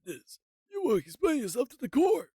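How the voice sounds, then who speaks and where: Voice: sits high, very animated, normal speed, dark tone, slight background noise, pitched above the performer's own voice. A streamer reading out a stern courtroom lawyer questioning a witness in a game. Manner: reading game dialogue aloud. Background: game music.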